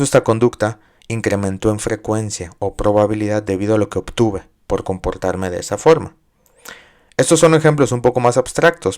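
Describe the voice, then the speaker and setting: A man's voice: on the low side, smooth. A man hosting a psychology podcast, explaining ideas in a casual, conversational way and putting questions to his listeners. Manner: conversational, asks listeners questions, uses everyday examples.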